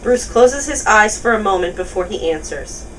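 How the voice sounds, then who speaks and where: At a table read, a woman reads the stage directions as scripted narration in an expressive, mid-range voice at normal speed, captured by a distant mic in a noisy room.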